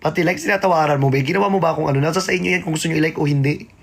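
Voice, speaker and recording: High-pitched playful male livestreamer. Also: very fast, gravelly. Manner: playful, teasing, greets and thanks viewers by name. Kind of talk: casual live-stream chat.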